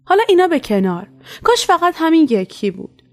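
High-voiced woman telling a childhood story. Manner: conversational, animated when quoting. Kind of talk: casual spoken storytelling.

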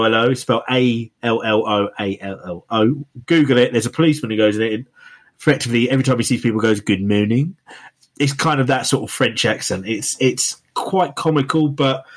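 A man's voice: mid-range voice, a bit bright. Rambling man reviewing films. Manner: rambling, many fillers and restarts. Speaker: podcast co-host reviewing films. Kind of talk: casual chat.

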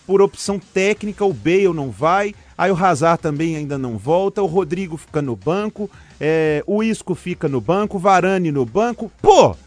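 Lively, higher-pitched man, blunt sports talker. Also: moderate pace, hardly any pauses. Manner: informal, blunt, opinionated. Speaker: football podcast co-host and commentator. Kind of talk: casual sports chat.

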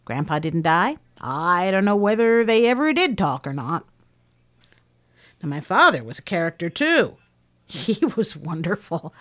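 A woman reading aloud someone's first-person recollections in a lively storytelling manner. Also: fairly low pitch. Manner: lively storytelling with shifts in loudness. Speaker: reader of recorded recollections.

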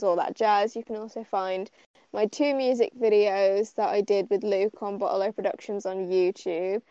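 A woman's voice: medium pitch, dark tone, clear, resonant tone, dry recording. A young woman, a singer guest on a podcast, chatting in a giggly, chatty way. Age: young adult. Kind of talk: casual chat. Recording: dull lo-fi sound.

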